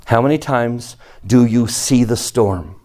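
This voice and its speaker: A man teaching a scripture lesson to a group, asking his listeners questions in a slow, emphatic way. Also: mid-range voice, darkish tone. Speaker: church teacher.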